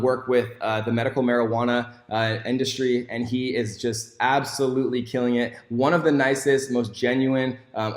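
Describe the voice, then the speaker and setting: A man giving a course sales pitch, enthusiastic and full of fillers and restarts. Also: echoey room. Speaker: online course instructor.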